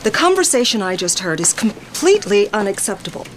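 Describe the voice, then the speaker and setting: A woman's voice: medium pitch, sing-song, brisk, slight background noise, natural voice. An actress playing a firm female supervisor who reprimands an employee in a workplace training drama. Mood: stern. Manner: firm, reproachful.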